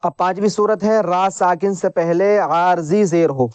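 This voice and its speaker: A man teaching Quran reading rules in a patient lesson, repeating each point and spelling out letters slowly. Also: sits high, a little mellow, clean tone, no room sound. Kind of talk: slow instructional lesson.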